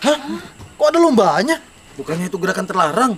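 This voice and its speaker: A performer voicing a curious, puzzled young villager in an animated parody. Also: mid-range voice, fairly quick, husky.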